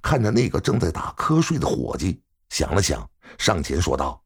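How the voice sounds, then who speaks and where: Husky, deep-voiced male storyteller. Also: huge pitch swings. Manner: measured storytelling. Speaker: audiobook narrator. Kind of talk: novel narration.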